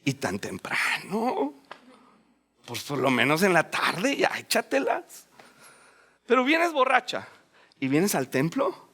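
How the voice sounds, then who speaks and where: A man's voice: a little high, huge pitch swings, takes it slowly, pauses often, bright, forceful tone, voice pushed down, full character voice. A man, acting out a chiding old male temple priest in scornful tones. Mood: scolding.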